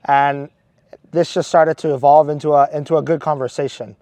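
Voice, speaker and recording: A man's voice: on the high side, level tone, normal speed, darkish tone, dry recording. A man in his twenties from Maryland, a seminarian earnestly telling a story with many restarts. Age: 20s. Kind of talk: casual storytelling.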